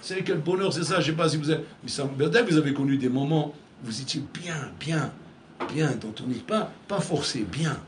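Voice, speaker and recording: Male rabbi, lively preacher, slightly high voice, roomy echo. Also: moderate pace, a little hiss or hum. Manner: animated, acts out dialogues, addresses listeners as Rabotai. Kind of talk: Torah lecture. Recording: echoey room with faint ambience.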